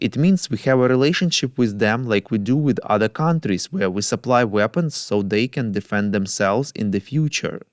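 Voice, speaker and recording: A man's voice: medium pitch, clear, resonant tone, no room sound, studio quality. Ukrainian-accented man reading the news. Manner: steady, measured delivery. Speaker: podcast news host.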